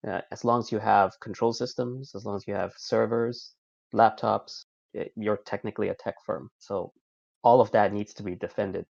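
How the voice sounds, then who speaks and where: A man speaking haltingly with many restarts and fillers as a panelist in a casual panel discussion. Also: lowish voice, fairly even intonation, vocal fry, a little mellow, dry recording, muffled recording. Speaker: incident response panelist.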